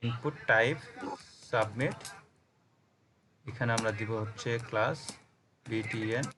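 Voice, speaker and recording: Speaking slowly in a mid-range voice, a man from Bangladesh teaches programming live on a call. He walks students through each step, spells terms out letter by letter, and often asks whether they're following. Background noise runs underneath.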